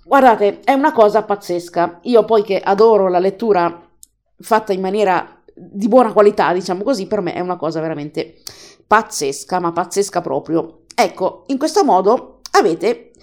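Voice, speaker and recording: A woman's voice: mid-range voice, lively intonation, moderate pace. A woman hosting a casual tutorial, chatty and enthusiastic, explaining each step to her listeners. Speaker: podcast host teaching an app.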